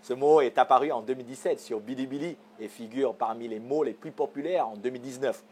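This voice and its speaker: A man's voice: mid-range voice, fairly quick, darkish tone, a little hiss or hum. A man presenting a magazine show segment, explaining words in a playful, teasing way and asking the viewers questions.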